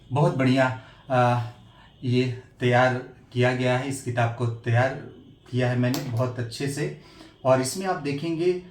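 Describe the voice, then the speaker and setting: A male teacher giving an earnest exam-prep lesson, repeating his points and pausing with hesitation fillers. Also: medium pitch, a little mellow, roomy sound.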